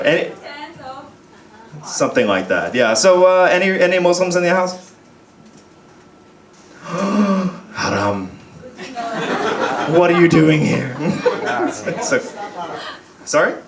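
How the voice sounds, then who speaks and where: A young Texan stand-up comedian works a pub stage with a chatty, self-deprecating set, often laughing as he talks. His high-pitched voice is sing-song and slow, with frequent pauses. The audio is roomy, with a faint crowd murmur.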